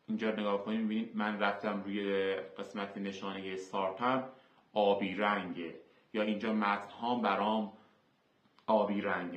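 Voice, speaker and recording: A man hosting a screen-recorded software tutorial, explaining each term step by step with filler sounds. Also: fairly low pitch. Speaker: tutorial host. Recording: echoey, dull lo-fi room.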